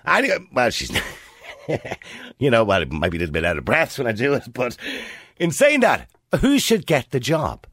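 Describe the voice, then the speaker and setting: A man's voice: medium pitch, wildly swooping pitch, normal speed, a bit bright, no echo, studio quality. A man in his fifties with an Irish accent, hosting a talk radio show and putting questions to listeners in a chatty, opinionated way. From Ireland. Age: 50s.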